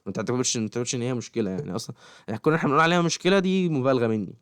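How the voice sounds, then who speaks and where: Egyptian man, rapid-fire advice monologue, mid-pitched voice, dry close sound. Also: a bit bright, clear, resonant tone, no room sound. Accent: Egyptian Arabic. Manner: keeps checking in with the listener, talks straight at them. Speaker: YouTuber giving study advice to students.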